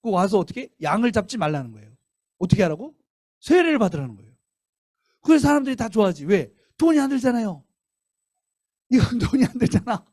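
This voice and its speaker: Brief: a missionary preacher in a church, animated storyteller firing questions at the congregation. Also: male voice, high-pitched, quick pace, dry recording, clean studio sound. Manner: lively storytelling, rhetorical questions. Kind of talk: revival sermon. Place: church sanctuary.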